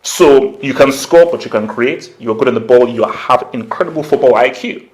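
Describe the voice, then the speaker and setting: In a roughly recorded clip, a football YouTuber and channel host gives slangy, conversational, opinionated commentary, hammering points through repetition and acting out imagined quotes. He speaks at medium pitch and a moderate pace.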